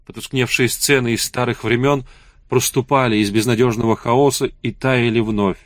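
Here a medium-pitched man reads an audiobook, keeping his storytelling calm, even and measured. There's no room sound, and the quality is that of a studio.

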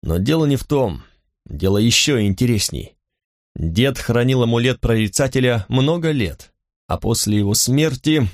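A weary, guarded young man who keeps his words quiet and dry, as read by a male narrator. His voice sits at a middling pitch, recorded close with no room around it. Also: expressive, moderate pace, no room sound, close to an everyday voice.

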